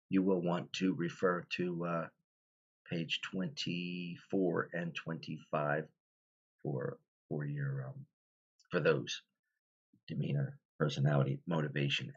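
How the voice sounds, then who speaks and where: Tired deep-voiced man rambling through a tutorial. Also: muffled recording. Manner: rambling, many ums and restarts. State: tired, stifling yawns. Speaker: tabletop game tutorial host. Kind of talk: casual explanatory tutorial.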